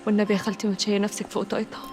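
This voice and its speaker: An actress playing a gentle young woman soothing her grieving aunt in an Egyptian TV drama, with an Egyptian accent. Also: medium pitch, completely flat delivery, rapid-fire, over music, lightly acted. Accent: Egyptian Arabic. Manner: soothing, pleading.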